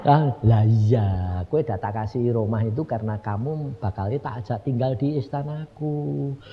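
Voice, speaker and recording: A man voicing the Lord as a calm, patient, gently teasing figure with a Javanese accent, low and soft. The sound is dull and carries a long hall echo. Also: moderate pace, noisy background, lightly acted.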